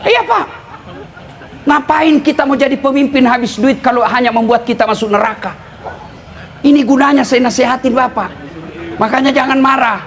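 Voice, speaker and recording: A man from eastern Indonesia with a lilt, preaching a humorous sermon to a live audience, teasing and often shouting and laughing. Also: very high voice, normal speed, pauses often, a crowd in the background, background noise. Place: live event before an audience.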